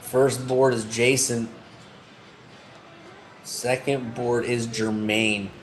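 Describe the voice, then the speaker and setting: A man with a medium-pitched voice commentates on poker. He is offhand and blunt, speaking casually and without a script. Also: little pitch movement, very slow.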